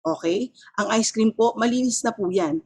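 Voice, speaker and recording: A woman's voice: a little high, normal speed, a little mellow, slightly rough. A woman with a Filipino accent giving an explanatory health talk, mixing Filipino and English and often checking in with her listeners. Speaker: health educator.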